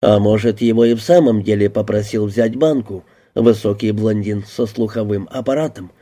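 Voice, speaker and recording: A man voicing a calm, fatherly male police detective who speaks gently and reasonably to a suspect. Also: fairly low pitch, moderate pace, lightly acted. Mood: reasonable. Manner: soothing, reasonable.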